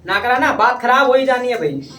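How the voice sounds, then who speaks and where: Coaxing teacher. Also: male voice, very high voice, animated, brisk, pushed and bright. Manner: coaxing, repeats questions to pupils. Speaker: English teacher. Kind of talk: classroom lesson. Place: classroom. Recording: echoey room, distant mic, faint noise.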